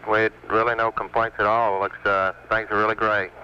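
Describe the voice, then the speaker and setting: A ground control communicator talking over a crackly headset radio link, halting and full of fillers. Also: male voice, on the low side, flat delivery, sharp tone, smooth. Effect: crackly headset radio transmission. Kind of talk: air-to-ground radio exchange. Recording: muffled radio link with static.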